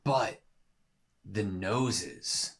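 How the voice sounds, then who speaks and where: A man's voice: lowish voice, drawn-out words. A man co-hosting a casual anime reaction chat, joking and rambling as he thinks aloud.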